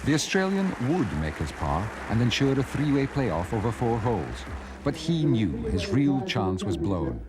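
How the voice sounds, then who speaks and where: A man reading scripted golf documentary narration in a measured, dramatic storytelling way. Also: medium pitch, wildly swooping pitch. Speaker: narrator of golf highlights film. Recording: archive soundtrack, crowd and background noise. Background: crowd noise.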